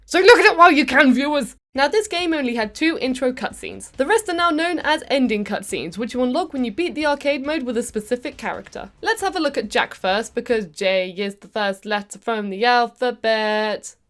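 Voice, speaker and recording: With background music under her voice, a British woman hosts a sarcastic, playful game review aimed right at viewers. Her voice is on the high side and a bit bright, animated and fairly quick, with hardly any pauses.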